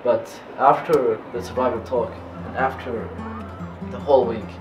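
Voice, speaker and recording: A man's voice: mid-range voice, fairly even intonation, measured pace, echoey room, far from the mic, music in the background, poor audio. A young man from Iraq, a student, speaking earnestly and reflectively in an interview. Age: young adult. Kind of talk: interview testimony.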